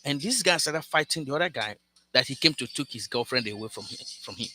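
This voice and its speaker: A man's voice: medium pitch, expressive, a little fast, bright, forceful tone. A man telling a cautionary love story to camera in an earnest, lecturing way, speaking straight to his viewers and often restarting his words. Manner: frequent restarts and repeated words. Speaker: vlogger giving relationship advice.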